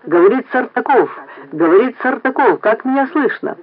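A man voicing a stranded expedition leader who calls for help in a hoarse, breathless voice, repeating himself urgently. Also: very high-pitched, animated, normal speed, voice pushed up. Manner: urgent, repeating himself over the radio link. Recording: tinny phone-like lo-fi recording.

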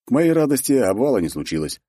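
A man's voice: mid-range voice, very animated, fast, mellow, no room sound, clean studio sound. A man narrating a first-person fantasy audiobook in a matter-of-fact, wry way.

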